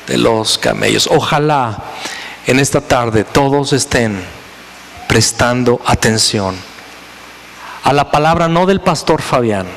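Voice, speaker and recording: A man's voice: medium pitch, a bit bright, long reverb tail, a little hiss or hum. A man preaching a sermon as pastor, building up to emphatic, intense passages. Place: church sanctuary.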